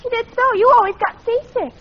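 A woman's voice: very high voice, brisk. A young woman playing a sweet, patient, mildly exasperated teenage daughter in a 1940s radio comedy. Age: young adult. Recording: noisy muffled old radio recording.

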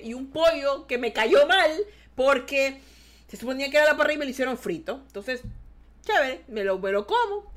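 High-voiced, animated young woman telling stories. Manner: animated, dramatic, acts out quoted voices; frank, swears then self-censors. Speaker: podcast host. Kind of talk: casual storytelling chat.

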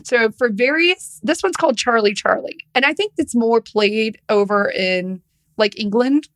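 A woman's voice: fairly high pitch, unhurried. A woman co-hosting a podcast, joking and swearing freely as she reads out game steps and notes. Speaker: podcast co-host. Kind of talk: casual chat.

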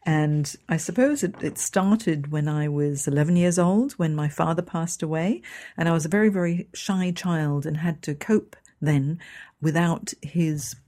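A woman's voice: deep voice, measured pace, dark tone. A middle-aged woman from Hong Kong, a native Cantonese speaker with an English accent, hosting a podcast and sharing personal stories and advice in a conversational, reflective manner. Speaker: podcast host and coach. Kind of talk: personal storytelling with self-help advice.

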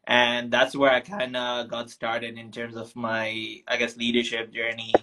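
A man's voice: medium pitch, monotone, unhurried, heavy background noise. A young man from Tanzania, a founder talking as a guest in a casual interview, reflective and full of ums and restarts. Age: young adult.

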